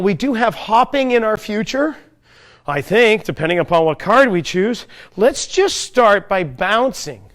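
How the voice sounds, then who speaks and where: High-voiced man coaching kids. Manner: encouraging, asks the kids playful questions; demonstrates while moving, narrating his own steps. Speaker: fitness trainer leading a kids' P.E. class. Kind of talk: guided children's exercise class.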